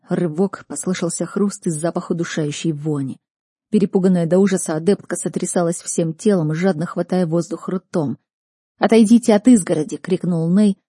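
A woman giving a tense, measured scripted narration of an audiobook. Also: fairly low pitch, dark tone, breathy edge, dry recording, clean studio sound.

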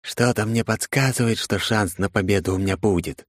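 A man's voice: lowish voice, a little fast, dry recording, studio quality, voice pushed up, natural voice. A man voicing a proud female lizard warrior, speaking in a terse, cool, determined way. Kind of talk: audiobook character voice.

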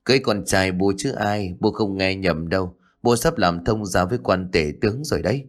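Guy doing a smooth ambitious young mandarin son, low-ish voice, persuasive storybook talk. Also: moderate pace, lightly acted. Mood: warm. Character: young newly made mandarin son, gentle yet ambitious.

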